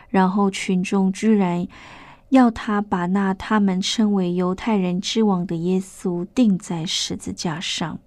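A woman reading a scripted Bible teaching in a measured, explanatory way, often posing rhetorical questions. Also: mid-range voice, a little mellow, no room sound.

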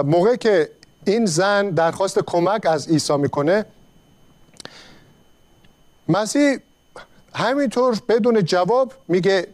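A man with a notably high voice delivers a sermon. He speaks slowly and carefully, pausing often between phrases as he explains scripture. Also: darkish tone. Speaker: preacher.

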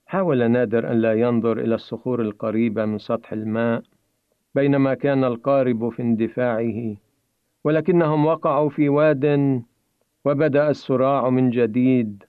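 A man's voice: mid-range voice, level tone, normal speed, clean tone, no echo. Man narrating a story over a tinny line. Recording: tinny phone-like dry recording.

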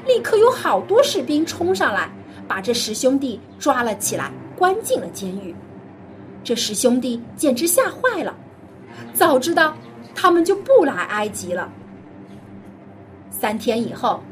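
A young woman narrating a children's Bible story, gently and expressively, as a storyteller speaking to a child. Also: high voice, very animated, moderate pace, slight background noise.

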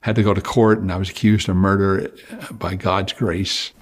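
A man preaching a sermon, telling stories with frequent chuckles and jumping up high and loud when he quotes people. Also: level tone, normal speed. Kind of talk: sermon with storytelling.

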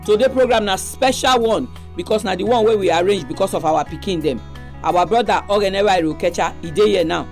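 A female radio presenter with a Nigerian accent introduces a religious programme in Nigerian Pidgin. Her voice sits at a medium pitch, with music playing behind it. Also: fairly quick.

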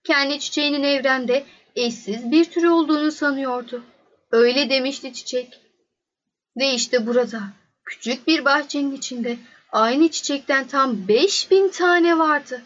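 A woman narrating a children's storybook in a gentle, measured way. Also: high-pitched, highs cut off.

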